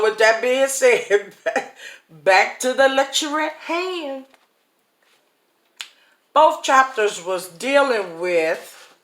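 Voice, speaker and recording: This is a speaker giving a casual devotional talk, unhurried and folksy, often breaking into a chuckle. The pace is slow and drawn out. The recording is roomy and echoey. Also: mid-range voice, fairly bright tone. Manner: folksy, chuckling, talks straight to viewers. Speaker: online inspirational speaker. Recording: roomy echo.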